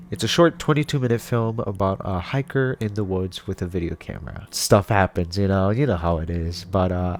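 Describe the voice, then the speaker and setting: Low and a touch mellow, this male reviewer's voice carries relaxed video commentary. He hosts and gives recommendations, rambling informally as if chatting with a friend.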